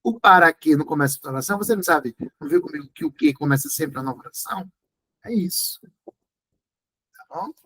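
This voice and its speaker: A man's voice: fairly high pitch, animated, brisk, pauses often, pushed and bright, breathy edge, rough recording. A Brazilian Portuguese tutor, a man, going through exam questions in a review class. He talks in a didactic way, checks in with his students often, and breaks words into syllables to stress them.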